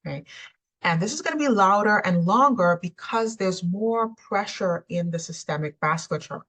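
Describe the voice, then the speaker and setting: A woman's voice: medium pitch, expressive, normal speed, a bit bright, low-quality recording. A woman lecturing on anatomy, explaining steadily with frequent ums. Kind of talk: recorded lecture.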